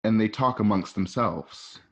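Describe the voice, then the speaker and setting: A lowish, fairly bright voice at a measured pace narrates scene directions from a script for an online radio drama. As the narrator of the screen directions, the man now and then trips over words and fixes them. The recording is a dull, lo-fi one made at home.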